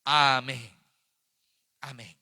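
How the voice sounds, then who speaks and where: A man preaching and praying, fervent, swinging from loud pleas to near-whispers. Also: mid-range voice, level tone, very slow, no room sound. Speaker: pastor teaching a Bible series. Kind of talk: sermon with prayer and altar call.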